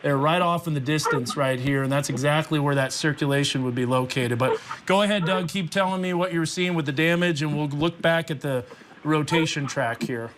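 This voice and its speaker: A man's voice: fairly high pitch, brisk, background noise. A man presenting live, unscripted severe weather coverage as a TV meteorologist, explaining things and directing the crew as he goes. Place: TV studio.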